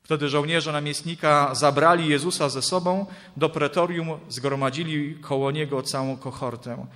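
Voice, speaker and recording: A man reading Scripture and preaching in a solemn, measured way, with dramatic rises in his voice. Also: a little high, fairly even intonation, a bit bright. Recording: long hall reverb.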